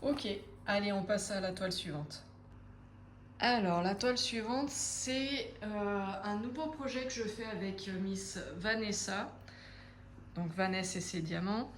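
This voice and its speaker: Slow-talking woman chatting about crafts. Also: medium pitch, a little hiss or hum. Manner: chatty, hesitant with frequent pauses and fillers. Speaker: craft vlogger. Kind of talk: casual chat to camera.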